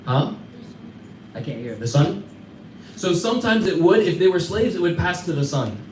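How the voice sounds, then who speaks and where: An American teacher gives a storytelling lesson to a class, speaking conversationally, quizzing his listeners and chuckling through anecdotes. His voice sits high and has a sing-song quality, at a normal speed. The room is echoey, the mic is far off, and a faint hum runs in the background.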